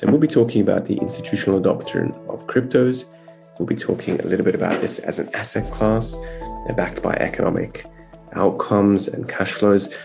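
A man with a low, gravelly voice hosts a podcast interview in a chatty, upbeat way, with many fillers. Faint music plays behind him. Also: dark tone. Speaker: podcast host. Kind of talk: casual interview hosting.

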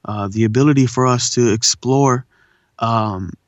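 A man's voice: medium pitch, unhurried, no echo, lo-fi sound. A man who was born in India and raised in Southern California, a voice actor and poet, talking reflectively in a casual interview. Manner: relaxed, reflective, says "man" often.

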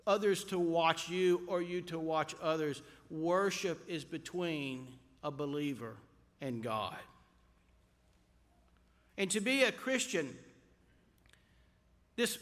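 Slow, high-voiced preaching man. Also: pushed and bright, in a large hall. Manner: slow, emphatic preaching with drawn-out words. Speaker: pastor. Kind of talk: sermon.

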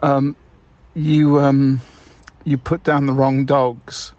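Man heard over a landline phone, a dull, muffled line, leaving a hesitant, monotone voicemail. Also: medium pitch, no echo. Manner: hesitant, halting, full of ums. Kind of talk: comedy sketch.

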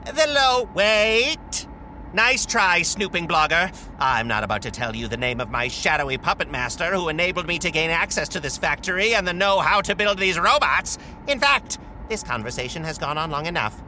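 A man's voice: on the high side, expressive, normal speed, sharp tone, a little hiss or hum, low-quality recording. A man playing a sneering robot-master villain. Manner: sneering, theatrical. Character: scheming male villain with robot army.

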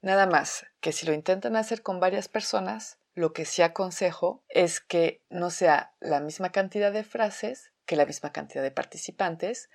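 A woman, a theater workshop teacher calmly explaining a drama exercise step by step. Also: on the low side. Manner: calm, methodical explanation with examples.

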